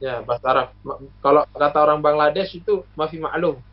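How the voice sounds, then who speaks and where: A man's voice: a little high, fast talker. A man from Lombok, Indonesia, a university alumnus and guest, explaining things in a casual chat, patient and lecturing, with many hesitations and examples. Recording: muffled lo-fi recording.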